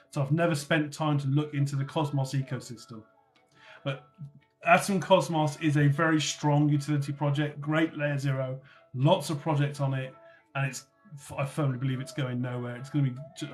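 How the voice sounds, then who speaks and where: A chatty man with a slightly high voice. He hosts a casual livestream and answers viewer comments one after another in a loose, offhand way, swearing now and then. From North Somerset, England. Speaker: livestream host.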